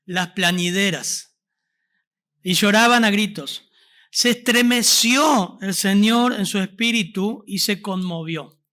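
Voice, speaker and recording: High-voiced Argentine preacher. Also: male voice, bright, forceful tone. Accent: Argentine Spanish. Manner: preaching with rhetorical questions to the congregation. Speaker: pastor. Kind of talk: sermon. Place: church service.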